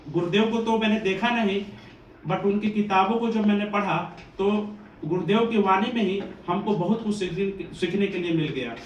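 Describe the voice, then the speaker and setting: Earnest high-voiced man from Bihar. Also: moderate pace, highs cut off. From Bihar, India. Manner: earnest, devotional, preachy. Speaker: coaching institute teacher. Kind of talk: motivational address to students. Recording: echoey room, distant mic, faint ambient noise.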